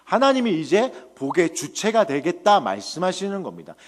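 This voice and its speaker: A man's voice: high-pitched, wildly swooping pitch, moderate pace, long reverb tail. A man preaching a sermon as a trainee pastor, joking with the congregation and asking rhetorical questions.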